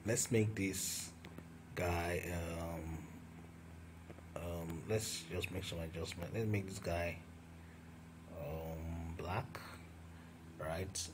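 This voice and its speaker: Slow, deep-voiced man teaching design. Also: steady tone, noisy background. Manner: talks through each step while working, with fillers and restarts. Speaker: design tutor. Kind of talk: screen-recorded software tutorial.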